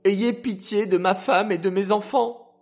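A man's voice: sits high, fairly even intonation, measured pace, a little mellow, faint music behind, voice pushed up. A man doing a timid, fearful poor man. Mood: pleading. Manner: anxious, pleading.

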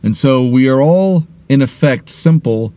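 Low mellow guy teaching a bible course, dry room, kinda dull audio. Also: animated, unhurried, dry recording. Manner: explanatory, repeats and restarts phrases. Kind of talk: recorded online course lesson.

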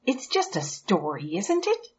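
A woman's voice: medium pitch, unhurried, slightly rough, exaggerated voice. A woman voicing an eager, curious young boy who pleads and asks questions, on a dull lo-fi recording. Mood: excited. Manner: excited, pleading, wide-eyed questions.

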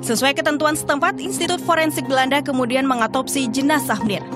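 A woman's voice: sits high, quick pace, over music. A woman with an Indonesian accent reading formal scripted news narration.

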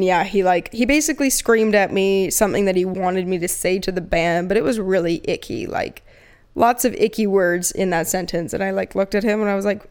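A young woman co-hosting a podcast, chatting casually and telling animated stories with plenty of swearing. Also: medium pitch, clean tone. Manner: swears freely, animated storytelling. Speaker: podcast co-host. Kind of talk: casual chat.

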